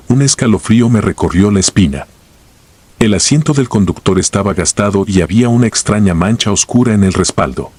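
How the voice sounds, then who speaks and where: A man's voice: lowish voice, a little mellow, breathy edge, dry recording. A man reading first-person horror stories aloud in a somber, grave storytelling manner.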